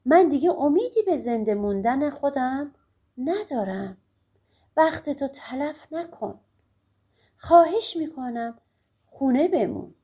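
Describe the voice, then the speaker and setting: A woman voicing a sick young husband who sounds gentle and resigned, in a storybook reading. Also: high voice, big pitch swings, pauses often.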